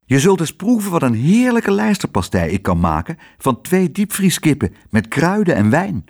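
A man voicing a resourceful cook in a storybook reading, talking briskly and reassuringly. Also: a little high, huge pitch swings, darkish tone, pitched above the performer's own voice, full character voice.

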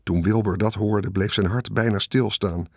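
Steady male audiobook narrator, dry close sound. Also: lowish voice, moderate pace, gravelly, no echo. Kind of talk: scripted narration.

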